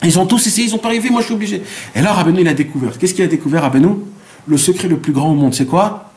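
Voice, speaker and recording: A man's voice: high-pitched, rapid-fire, darkish tone. A man, a rabbi, teaching a Torah lesson who poses rhetorical questions, answers them himself, repeats phrases for emphasis and drops in Hebrew terms. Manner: mixes Hebrew terms into his speech.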